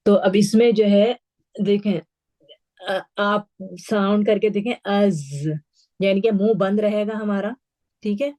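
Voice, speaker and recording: A woman teaching Quran recitation, patiently explaining letter sounds and repeating each one slowly for her pupils, with English words mixed into her Urdu. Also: mid-range voice, flat delivery, mellow. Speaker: tajweed teacher. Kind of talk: online class instruction.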